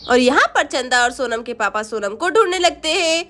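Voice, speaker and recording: A woman's voice: high voice, expressive, moderate pace, a bit bright. A woman narrating a doll storybook in a plain storytelling way.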